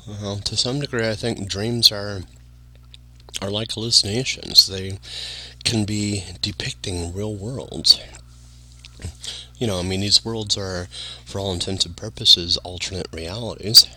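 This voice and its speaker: A tired man rambles through a casual solo monologue with a deep, low voice. His tone is bright and sharp, and he wanders between thoughts with plenty of ums and restarts. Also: fairly even intonation, unhurried, long pauses. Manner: meandering, many fillers and restarts. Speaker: vlogger.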